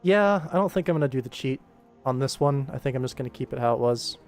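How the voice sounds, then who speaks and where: A man with a mid-range, animated, slightly mellow voice talks fast over soft background music. He casually commentates on his animation work stream, thinking aloud and chatting with viewers. His rambling, informal talk is aimed partly at himself and partly at his audience.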